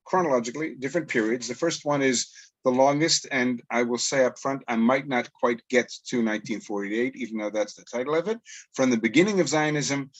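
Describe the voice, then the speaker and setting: Speaking briskly in a mid-range voice, this middle-aged tour guide and educator from Canada lectures over a video call. His tone is chatty and self-mocking, with plenty of rhetorical questions, and the recording is rough.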